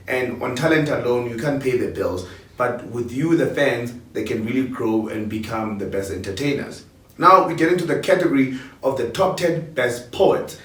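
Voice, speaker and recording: A man presenting award nominees in a countdown with an upbeat, hype-style pep talk. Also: mid-range voice. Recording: roomy, distant mic.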